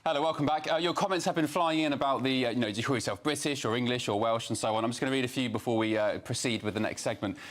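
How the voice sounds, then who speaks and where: A man hosting a live-stream, reading out viewer comments and news in a relaxed way with many fillers. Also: mid-range voice, racing, few pauses.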